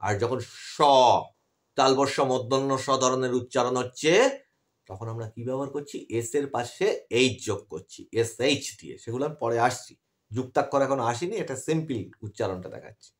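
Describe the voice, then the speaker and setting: A man's voice: mid-range voice, fairly quick. A man teaching English grammar in an online class, explaining patiently and asking his students questions as he goes.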